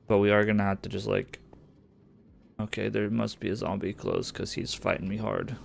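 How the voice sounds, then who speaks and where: Faint lofi music sits behind a man's casual survival-game stream as he mutters to himself and occasionally curses quietly when something goes badly. He speaks at normal speed in a level, fairly low voice with vocal fry, amid slight background noise.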